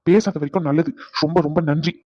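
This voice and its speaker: A man's voice: a little high, steady tone, fast, dark tone, no room sound, natural voice. A man voicing an irritated young husband in a cartoon, exasperated and pleading by turns, on a dull lo-fi recording. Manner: exasperated, pleading then snapping.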